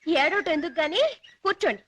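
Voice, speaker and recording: Sly young female pickpocket, coaxing, very high, bright. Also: lively intonation, a little fast. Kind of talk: comic film acting.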